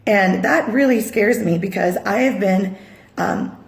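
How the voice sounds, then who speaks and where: A woman from Sri Lanka making an earnest, halting personal video appeal as a mother, audibly upset and pausing often. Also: mid-range voice, gravelly. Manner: earnest, halting, with many pauses and fillers. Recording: echoey room.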